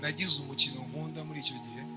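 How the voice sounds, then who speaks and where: A young man from Rwanda giving a church testimony in short, measured phrases, pausing for an interpreter. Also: mid-range voice, steady tone, loud music behind the voice. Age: young adult. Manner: measured, speaks in short bursts.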